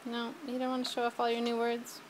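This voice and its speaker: A woman's voice: fairly high pitch, monotone, fast talker, a little hiss or hum. A woman filming her toddler at home, coaxing the child in a sing-song voice to show off new words. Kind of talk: casual home video.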